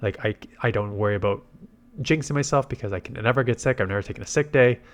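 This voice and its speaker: Stuffed up with a head cold, a male game commentator and video host talks through his tactics aloud in casual gameplay commentary. His voice is medium in pitch and his pace is quick.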